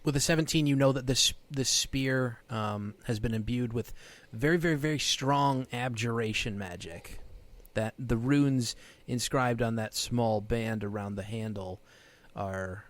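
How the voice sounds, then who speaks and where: A man narrating a tabletop game as game master, describing scenes in an unhurried, halting way with many pauses. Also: mid-range voice.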